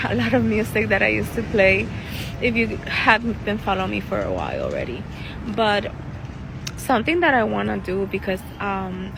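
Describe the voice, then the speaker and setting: A woman's voice: mid-range voice, gravelly. A woman from El Salvador, a tarot reader and life coach, talking earnestly and casually to her viewers from a city park, laughing often and restarting her sentences. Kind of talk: casual talking-to-camera vlog. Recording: outdoor street noise. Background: passing cars and city noise.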